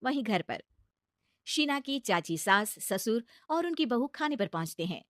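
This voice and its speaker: A woman tells a cartoon moral story in a brisk, scripted way. Her voice is high and bright, with a lively rise and fall, and the recording is dry and close. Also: no room sound. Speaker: narrator. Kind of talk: scripted narration.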